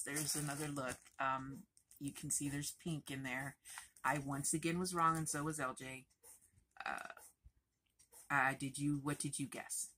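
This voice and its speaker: Woman vlogger, low voice, bright tone, chatty, rambling. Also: a little hiss or hum. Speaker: crochet vlogger. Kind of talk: casual chatty vlog.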